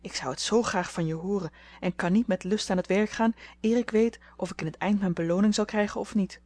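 A shy, earnest young man in love speaks in a gentle, pleading way, as a woman reading a storybook aloud voices him. He sounds tender and soft. Her voice sits a little low. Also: moderate pace, natural voice.

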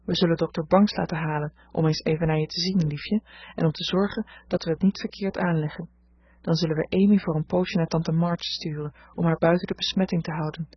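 A practical, motherly older housekeeper from a storybook, calm and matter-of-fact, as a woman reads her. Her voice sits a little low and husky. The recording is dull and dry. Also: fairly quick, dry recording.

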